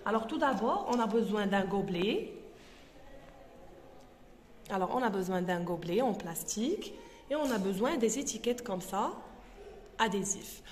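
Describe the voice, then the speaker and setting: A woman with Arabic as her native language hosts a reading tutorial for young children, hesitating with fillers and sounding out syllables slowly. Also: medium pitch, animated, big-room sound, a little hiss or hum. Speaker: host and teacher.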